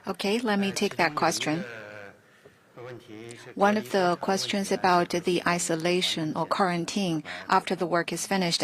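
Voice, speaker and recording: A woman interprets live at a press conference in measured phrases, reworking clauses as she goes. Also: on the low side.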